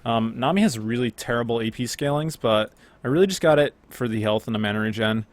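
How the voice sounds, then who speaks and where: This young man's casual, chatty take on his own gameplay footage comes in a brisk, mid-range voice, with many fillers and self-corrections. The recording is dry.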